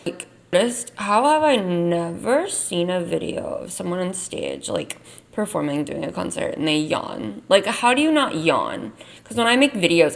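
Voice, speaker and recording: A young female vlogger chats loosely while sorting songs into tiers, her voice strained after losing it and her speech full of "like". Her voice is lowish, with vocal fry.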